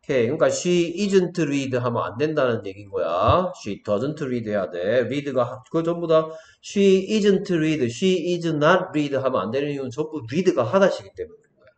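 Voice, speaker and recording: A man's voice: medium pitch, expressive, unhurried, hardly any pauses, echoey room. A man tutoring English, checking often that his pupil follows. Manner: coaxing teacher, many check questions. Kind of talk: one-on-one English lesson in Korean.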